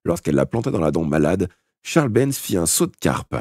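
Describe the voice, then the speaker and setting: A man's voice: low voice, sing-song, fairly quick, a little mellow, breathy edge, dry recording, clean studio sound. A man narrating a children's audiobook, reading it aloud with expression. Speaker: audiobook reader. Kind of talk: storybook narration from a live stream.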